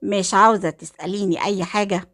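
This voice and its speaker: A woman's voice: mid-range voice, steady tone, quick pace, a bit bright, lightly acted. A woman voicing a polite young male suitor with an Egyptian accent, courteous and smiling. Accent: Egyptian Arabic.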